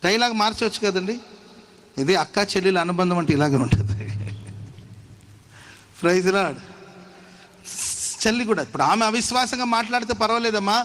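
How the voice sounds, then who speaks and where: High-voiced exhorting male pastor. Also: expressive, a little fast, long pauses, fairly bright tone. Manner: exhorting, call-and-response with the congregation. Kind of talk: sermon. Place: church service.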